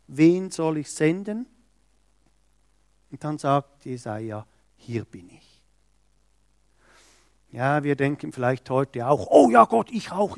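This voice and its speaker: Man, mid-high voice, preaching slowly and deliberately, dry close sound. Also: darkish tone, no room sound. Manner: slow, emphatic, acts out quoted speech. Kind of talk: sermon.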